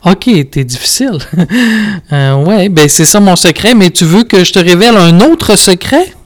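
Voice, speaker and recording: A man's voice: sits high, animated, normal speed, faint music behind. A man with a Quebec French accent hosting a podcast, joking playfully while playing a game. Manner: playful, joking, laughing asides. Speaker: podcast host.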